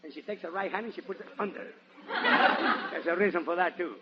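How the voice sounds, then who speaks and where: On a noisy, muffled 1940s radio broadcast, a guest comedian performs a comic musical monologue for a live audience. His voice sits high and moves quickly, and his theatrical, playful delivery keeps breaking into sung syllables and shouts.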